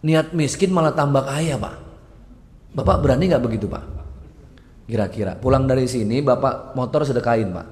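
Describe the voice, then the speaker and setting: A man preaching a lively sermon, joking and rhyming, and often addressing his listeners directly. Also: medium pitch, moderate pace, pauses often. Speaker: Islamic preacher. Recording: echoey hall with long reverb.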